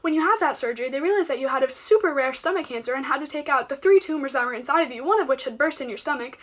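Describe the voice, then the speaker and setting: A young woman telling a storytime in a rapid, blunt way with casual swearing. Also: high-pitched, lively intonation, fairly bright tone. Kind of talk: storytime video to camera.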